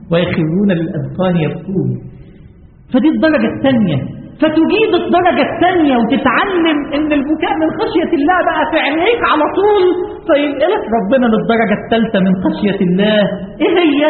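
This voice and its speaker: An Egyptian Arabic-speaking man preaches a lesson in a quick, high, animated voice that climbs to emphatic peaks. He slows into chanted recitation now and then. The sound is thin and phone-like, with long reverb from a large hall. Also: slight background noise. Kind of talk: mosque lesson sermon.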